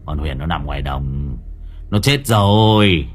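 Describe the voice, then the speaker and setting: A man voicing a gruff, short-tempered village husband who scolds irritably. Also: very deep voice, lively intonation, a little slow, soft background music, voice pushed down. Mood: grumpy scolding.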